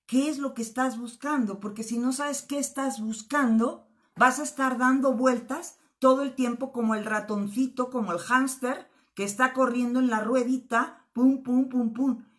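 A woman's voice: sits high, steady tone, moderate pace. A middle-aged woman giving an earnest spiritual motivational talk, often tagging her phrases with a questioning "¿eh?". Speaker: spiritual speaker.

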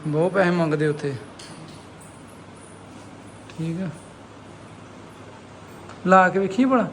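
A man vlogging casually at home, chatty, giving directions to family as he films. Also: high-pitched. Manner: chatty, instructing family members. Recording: noisy home background.

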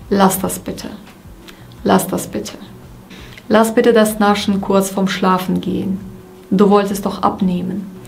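A woman teaching a German grammar lesson, saying example sentences slowly and repeating each one. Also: mid-range voice, vocal fry, darkish tone, slight background noise. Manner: slow, deliberate example sentences, repeated twice.

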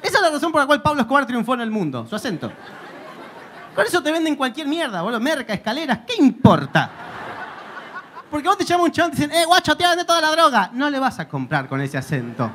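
A man's voice: very high-pitched, wildly swooping pitch, fast, a bit bright, a little hiss or hum. A man with a Buenos Aires accent doing stand-up comedy in a club, speaking in a punchy, slangy way. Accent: Argentine, Buenos Aires. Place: comedy club stage with audience.

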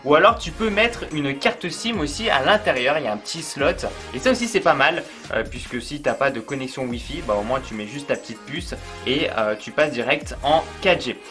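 A man's voice: mid-range voice, lively intonation, normal speed, few pauses, pushed and bright, faint music behind. A man giving a casual product review, chatty and full of fillers, talking straight to the viewer. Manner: chatty, many fillers, addresses viewer informally.

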